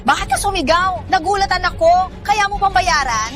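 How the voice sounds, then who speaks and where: A woman voicing a rude, snobbish mother who mocks and wails loudly. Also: lively intonation, normal speed, faint music behind. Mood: mocking. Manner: shrill, sneering, wailing.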